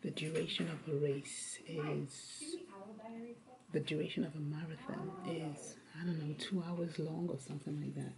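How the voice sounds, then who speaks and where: A woman's voice: deep voice, fairly even intonation, normal speed, gravelly, crowd noise, rough recording. A middle-aged woman tutoring one-on-one, explaining casually and coaxing with questions. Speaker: reading tutor. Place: school library, indoors. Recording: noticeable room noise.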